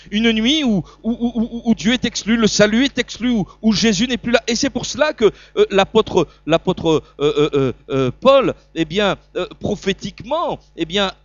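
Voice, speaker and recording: A middle-aged man with a southern French accent preaching a sermon, stumbling and repeating words, swinging between loud emphasis and quiet asides. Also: high-pitched, dry recording, muffled recording.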